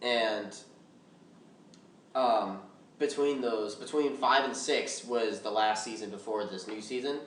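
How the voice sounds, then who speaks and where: A young man in a casual podcast chat, rambling excitedly as a fan and quickly defending himself. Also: lowish voice, far from the mic, a little hiss or hum. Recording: roomy echo, a bit off-mic.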